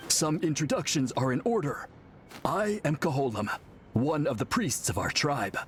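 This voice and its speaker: Kaholam, a man as an animated, earnest priest. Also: on the high side, moderate pace, background noise, natural voice. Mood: polite, earnest. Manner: formal, courteous, earnest. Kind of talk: video game voice acting. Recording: game music behind the voice.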